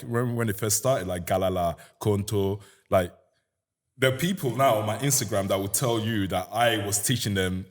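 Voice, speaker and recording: A young man with a Nigerian accent speaks in a very low voice. He tells his story in a relaxed, chatty way, laughing often and slipping into casual slang. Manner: relaxed, laughing, lots of "you get me" slang. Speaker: guest musician. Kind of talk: casual interview chat.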